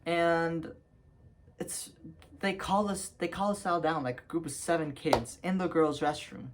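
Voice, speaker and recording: A man's voice: a little high, steady tone, a little slow, very noisy. Young guy vlogging a storytime, rambly, lots of ums and restarts, laughs at his own story. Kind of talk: casual storytime.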